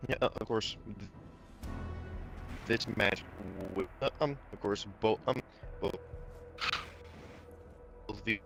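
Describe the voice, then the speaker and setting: A man's voice: lowish voice, slow pace, gravelly, pauses often, music in the background. A man interviewing a wrestler, stumbling over his words with many fillers, his glitchy microphone crackling and cutting out. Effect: glitchy mic cutting out and crackling.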